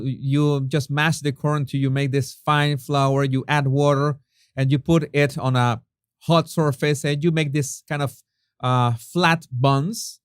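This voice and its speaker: This man has a medium-pitched, clean voice, captured dry with clean studio sound. He is a Venezuelan YouTube host with a Spanish accent, casually going through viewer comments in English, chatty, full of fillers and restarts, and quick to laugh at his own jokes.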